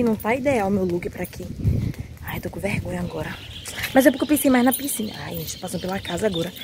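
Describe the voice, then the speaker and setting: A woman's voice: medium pitch, background noise. Young woman, chatty vlogger, mid-range voice, phone mic, faint street ambience behind. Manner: chatty and excitable, drops to whispers for asides. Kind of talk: casual vlog chat. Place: outdoors walking a street, then inside a large house.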